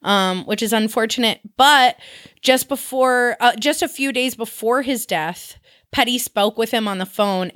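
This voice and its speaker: Animated woman co-hosting a music podcast. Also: a little high, dry recording, studio quality. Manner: animated, laughs often. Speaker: podcast co-host. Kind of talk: casual chat.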